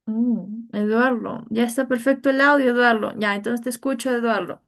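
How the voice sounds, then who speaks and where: A woman's voice: on the high side, fairly even intonation, normal speed. A woman teacher leading an online grammar class over a video call, patiently coaxing each student by name.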